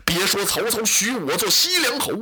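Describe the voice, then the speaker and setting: Storyteller putting on an earnest elder lord, emphatic and loyal, bright and husky. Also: mid-range voice, sing-song, normal speed, heavily acted. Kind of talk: traditional storytelling.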